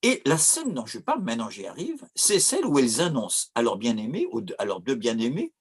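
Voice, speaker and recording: A man's voice: medium pitch, wildly swooping pitch, fairly quick, husky. A man with a Corsican accent giving an informal, digressive lecture on opera, with frequent hesitations and restarts. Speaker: philosophy lecturer.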